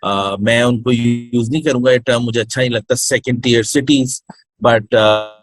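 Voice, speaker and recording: A startup incubator project director from Pakistan, born in Hyderabad and raised in Karachi, answers interview questions hesitantly, switching between English and Urdu as he explains. He has a Pakistani accent and a steady, mid-range voice, talks rapid-fire, and the recording is dry.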